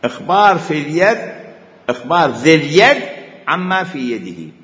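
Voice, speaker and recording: A man's voice: a little high, sing-song, moderate pace, fairly bright tone. A man with an Iraqi Arabic accent giving a religious law lecture, arguing a point by posing questions and then answering them himself. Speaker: jurisprudence teacher. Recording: echoey hall, dull muffled sound.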